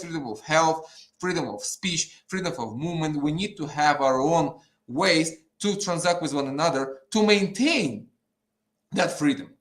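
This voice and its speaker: In a roomy, echoing recording, a Ukrainian petition campaigner with an Eastern European accent rants as a guest in conversation. His voice sits high with a fairly bright tone, and he's blunt and fired-up, swearing and repeating himself throughout.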